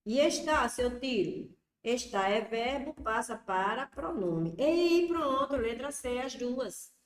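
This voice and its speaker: A woman's voice: on the high side, expressive, slow pace, echoey room. A woman with a Brazilian Portuguese accent teaching an exam prep lesson, explaining step by step and asking and answering her own questions.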